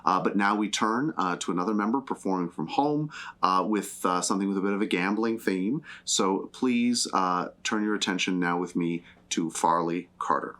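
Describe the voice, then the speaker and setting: A man's voice: sits low, moderate pace, fairly bright tone. A man hosting a magic show, introducing acts and giving thanks in a courteous, somewhat hesitant way. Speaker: show host.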